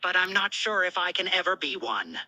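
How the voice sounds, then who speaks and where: Flustered, teasing male alien commander for fan roleplay, played by a woman; swoopy pitch, very bright. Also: sing-song, normal speed, no echo, full character voice, poor audio. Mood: intrigued, teasing. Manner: smirking, hesitant, teasing. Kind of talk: fan fiction character roleplay dub.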